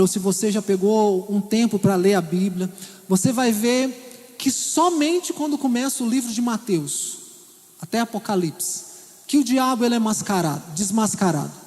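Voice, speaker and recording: A man's voice: sits high, darkish tone. A Brazilian man from Minas Gerais preaching a sermon as pastor, in a chatty style that keeps checking in with his listeners. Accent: Brazilian Portuguese, Minas Gerais. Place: church hall. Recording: echoey church hall.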